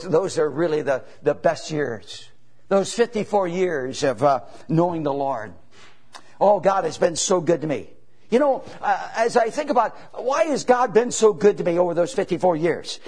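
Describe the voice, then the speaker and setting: On the high side and breathy at the edges, this seventy-something traveling evangelist's voice carries a folksy, repetitive sermon. He keeps saying "amen" and "you know," holds drawn-out pauses, and rises into emphatic bursts.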